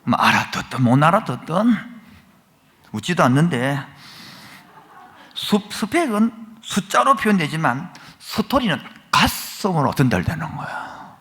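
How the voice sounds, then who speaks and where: A man's voice: a little high, measured pace. A male pastor with a Gyeongsang accent, preaching a sermon and often putting questions to the congregation. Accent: Gyeongsang Korean. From Gyeongsang province, Korea. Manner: animated preaching, asks the crowd questions. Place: church sanctuary. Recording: long reverb of a church hall.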